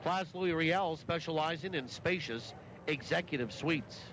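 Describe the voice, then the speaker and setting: A man doing live baseball play-by-play as a radio announcer, measured, moving between background notes and pitch calls. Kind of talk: live sports commentary. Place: outdoor ballpark broadcast booth. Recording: clear outdoor ambient noise.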